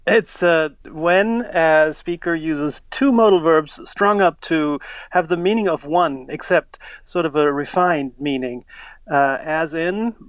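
A man, a linguistics professor, explaining slowly and carefully on a radio interview, with frequent fillers. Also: a little high, no room sound. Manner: measured, explanatory, hesitant fillers.

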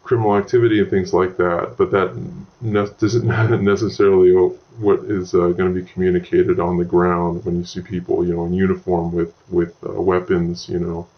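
Guy with his voice altered super deep to stay anonymous, muffled lo-fi sound, lots of you-knows. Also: flat delivery, normal speed, few pauses. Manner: hesitant, with many fillers and restarts. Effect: voice altered to disguise identity, pitched down. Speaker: National Guard member. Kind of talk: interview clip in a radio news report. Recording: dull lo-fi altered audio.

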